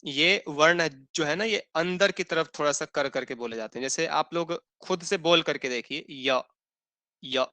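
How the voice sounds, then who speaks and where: A man's voice: on the high side, pushed and bright, no room sound. Patient man dictating a language lesson. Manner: patient, repeats points slowly for note-taking; checks in with "thik hai" and "hai na". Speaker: Sanskrit teacher. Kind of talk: online class lecture, dictating definitions.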